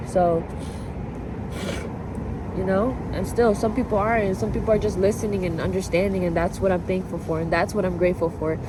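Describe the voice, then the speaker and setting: A lowish female voice comes through over background noise. She's a vlogger giving a casual, soul-baring chat to camera, wandering and reflective, often circling back to the same points and leaning on "like."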